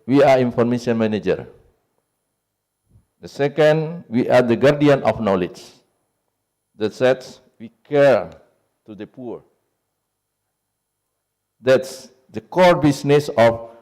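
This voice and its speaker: Indonesian-accented man, mellow halting English. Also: fairly high pitch. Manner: halting, searching for English words with many fillers; lists points one by one, stressing each. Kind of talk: unscripted talk on a panel.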